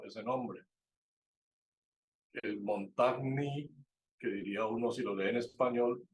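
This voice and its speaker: Guy teaching a bird-watching class, explains step by step, checks in with students, faint hum behind him. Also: mid-range voice. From Colombia. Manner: self-correcting, with fillers and restarts. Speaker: birding course instructor. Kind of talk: online class lecture.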